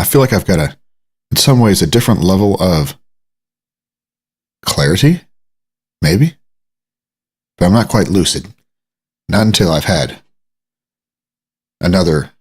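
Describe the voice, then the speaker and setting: Low husky groggy man podcasting. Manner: rambling, self-mocking, drawn-out asides. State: groggy morning voice. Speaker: podcast host. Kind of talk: casual solo podcast monologue. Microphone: studio microphone.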